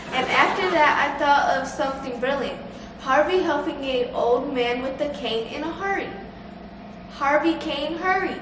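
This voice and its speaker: A seventh-grade girl playing a silly, flippant señorita eyewitness on a parody newscast. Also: high-pitched. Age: young adolescent, about 12 to 13. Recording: noisy, echoey room, distant mic.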